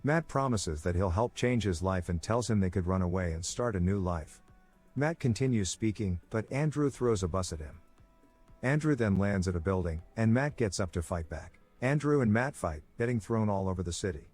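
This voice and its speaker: A man giving a scripted narration, with a steady, even storytelling delivery. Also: lowish voice, normal speed, faint music behind. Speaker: movie recap narrator.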